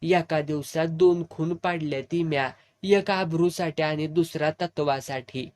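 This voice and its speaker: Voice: medium pitch, unhurried, a little mellow, lightly acted. A narrator voicing a fearless young village woman with a rural Satara accent who speaks firmly and defiantly. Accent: rural Satara Marathi. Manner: firm, defiant.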